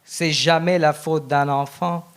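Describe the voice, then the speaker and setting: A young man, a Telugu speaker, works through a stand-up set in a deadpan, self-mocking way. His voice sits high and he takes his time. The stage mic carries a loud wash of noise. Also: a little slow. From India. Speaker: stand-up contestant.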